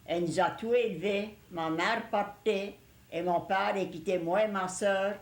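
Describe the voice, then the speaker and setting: An older woman speaks rural Cajun French, dropping in the odd English word. She tells her memories in a plain, casual way, with a middle-pitched voice and clear room echo around it. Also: steady tone, a little slow. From Louisiana, USA. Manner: plain-spoken, rural storytelling with English words mixed in. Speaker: interviewee recalling family life. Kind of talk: casual oral-history reminiscence. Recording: echoey room recording.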